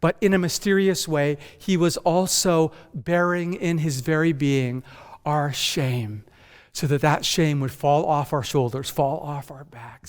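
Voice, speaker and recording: A man born in Japan and raised in North America, preaching a measured, emphatic conference sermon as senior pastor that builds through repeated phrases. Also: on the high side. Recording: long hall reverb.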